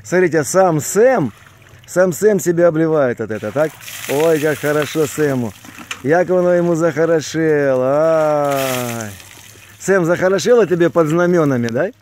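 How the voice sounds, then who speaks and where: A man's voice: a little high, lively intonation, normal speed, a little mellow, slight background noise. A man with a Ukrainian accent giving casual, teasing home-video commentary, repeating himself, drawling exclamations and tacking on questions. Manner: repetitive, drawling exclamations with frequent tag questions. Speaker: man filming and commenting on a backyard gathering. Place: outdoors in a grassy backyard. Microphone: handheld phone camera, behind it.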